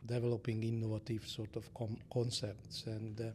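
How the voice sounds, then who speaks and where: A man in his sixties, originally from Hungary, speaking with a Hungarian accent as a guest engineer in a casual interview, measured and hesitant with frequent filler sounds. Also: on the low side, monotone, dark tone, a little hiss or hum.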